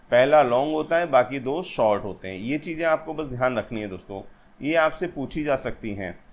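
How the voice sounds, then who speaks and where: A man teaching an exam-prep lesson, speaking slowly and repeating each point, reading English definitions aloud between explanations. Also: mid-range voice. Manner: slow and repetitive, addresses viewers as friends, reads English definitions aloud. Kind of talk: exam-prep lecture on poetic meter.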